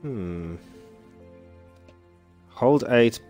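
At home at his computer, a man streams a game, chatting casually, musing aloud, reading on-screen story text, and chuckling often. He speaks extremely slowly in a mid-range, slightly mellow voice with lively intonation, as faint game music plays.

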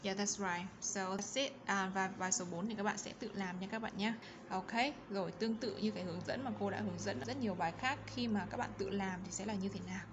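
A woman teacher giving a bilingual grammar lesson, reading English examples slowly and carefully and explaining them quickly in between. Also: mid-range voice, fairly even intonation, background noise.

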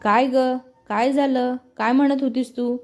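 A woman voicing a quiet, dreamy young woman who speaks softly and apologetically. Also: high voice, steady tone, measured pace. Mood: gentle. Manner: soft, apologetic, hesitant.

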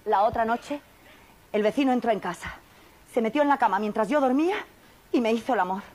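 A woman's voice: on the high side, brisk, darkish tone, natural voice. A woman acting a cheeky, teasing wife in a comedy skit, sassy and mock-innocent, with an accent from Spain.

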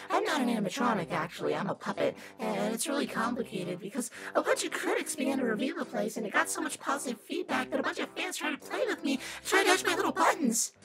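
A woman's voice: high-pitched, sing-song, quick pace, rough recording. A woman voicing an eccentric, apologetic pizzeria puppet who rambles in an amateur plush-toy cartoon. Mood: nervous, apologetic. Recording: loud music behind the voice.

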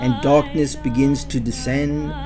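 A man narrating a scripted historical announcement in a measured, formal reading voice. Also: medium pitch, fairly even intonation, music in the background.

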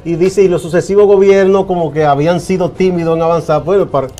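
A man's voice: high voice, steady tone, fast talker, warm tone. A middle-aged man, hosting a TV politics panel, who prompts his guest and finishes his sentences. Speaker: TV show host. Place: TV studio. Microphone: lapel mic.

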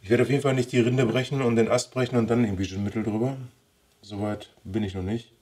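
A man's voice: fairly low pitch, flat delivery, fast, darkish tone, a little hiss or hum. A man with a Ruhr German accent, thinking aloud in casual commentary as he works on a bonsai. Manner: thinking aloud, muttering while he trims. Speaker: bonsai vlogger. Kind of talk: casual commentary while working.

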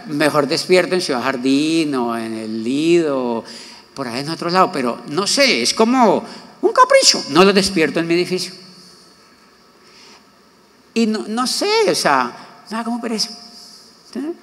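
A man's voice: a little high, measured pace, pauses often. A man giving a motivational conference talk, telling an anecdote and acting out the other people's voices. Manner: animated, acts out quoted voices. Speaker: motivational speaker. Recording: long hall reverb.

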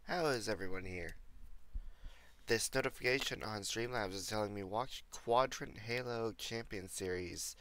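Young male streamer, getting over a cold, rough gravelly voice, chatty and rambling. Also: lowish voice, a bit bright. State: recovering from a cold. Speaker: livestreamer. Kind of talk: casual gameplay commentary.

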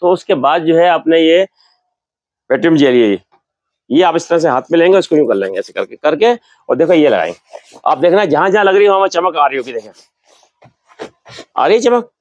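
A man's voice: a little high, lively intonation, fairly quick, long pauses, no room sound, lo-fi sound. An older man from Pakistan, a leather shop owner explaining his goods in a sales demonstration, on a lapel mic in a large shop. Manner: explanatory, shows goods while talking.

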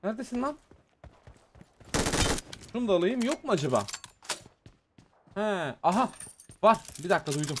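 A man hosting a gaming channel, commentating his own match in an excitable, muttering way that tenses up during fights. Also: sits high, moderate pace, pauses often, noisy background. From Turkey. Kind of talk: live gameplay commentary.

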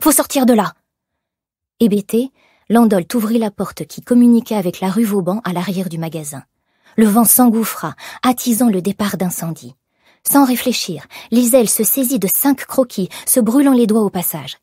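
A woman narrating an audiobook in measured, expressive storytelling. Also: medium pitch, husky, dry recording, clean studio sound. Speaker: audiobook reader. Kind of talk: scripted narration.

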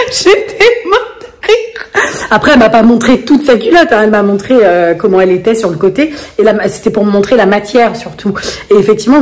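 A woman's voice: medium pitch, darkish tone. A woman vlogging to camera in a chatty, rambling way, often breaking into laughter. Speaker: family vlogger. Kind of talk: casual chat to camera.

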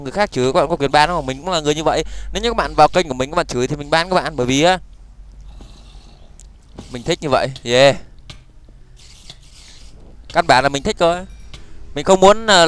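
A young man giving excitable let's-play commentary, with quick stammered repeats and sudden exclamations while he plays. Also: a little high, clean tone. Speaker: gaming YouTuber.

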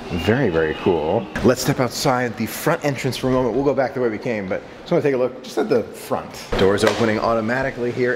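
A vlogger in his thirties enthusiastically leads a walk-and-talk tour through resort lobbies and covered walkways at night, repeating words for emphasis in a medium-pitched voice. He records on a camera held at arm's length, and the handheld on-location audio is clearly noisy.

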